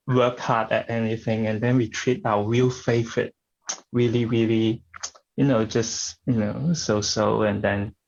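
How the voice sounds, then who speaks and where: A man performing improvised comedy scenes, speaking haltingly as he searches for his words. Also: medium pitch, highs cut off.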